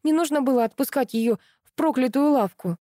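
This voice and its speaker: A woman reading the lines of an excitable, quick-witted woman amateur sleuth in an audiobook, speaking in a lively, emotional way. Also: sits high, dry recording, studio quality, pitched above the performer's own voice, lightly acted. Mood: animated.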